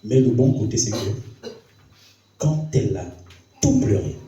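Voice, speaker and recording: French-speaking pastor preaching in an echoey hall. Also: male voice, unhurried. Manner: storytelling, voice swinging from hushed to high and excited. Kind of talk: sermon. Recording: roomy hall, voice from far off the mic.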